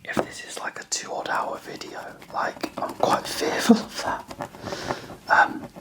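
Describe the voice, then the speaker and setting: A person whispering a casual, self-deprecating ASMR ramble in a breathy, unvoiced voice, musing in a chatty way. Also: measured pace. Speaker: ASMR video creator.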